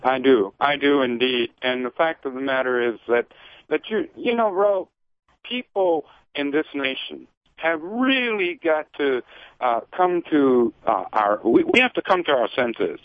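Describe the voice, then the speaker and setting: A man's voice: medium pitch, measured pace, no echo. Impassioned man on a tinny phone line. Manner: impassioned, emphatic, indignant. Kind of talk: political talk radio commentary.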